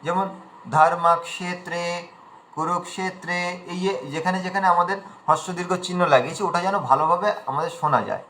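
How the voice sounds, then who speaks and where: A man teaching an online class on reciting Sanskrit verse, explaining slowly in a conversational way and chanting lines drawn out between his explanations. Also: high voice, fairly bright tone, a little hiss or hum, rough recording.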